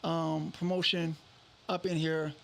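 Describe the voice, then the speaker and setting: A man's voice: fairly high pitch, level tone, a little slow, vocal fry, a bit bright. A man, a guest promoting his events, talking casually with many hesitations. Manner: hesitant, many fillers and restarts. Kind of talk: casual radio interview.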